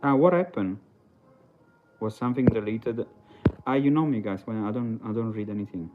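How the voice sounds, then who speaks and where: A man's voice: lowish voice, moderate pace, narrow, tinny audio, over loud music. A man from Italy, talking casually on a livestream in a hesitant, rambling way full of fillers and restarts. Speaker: livestream host.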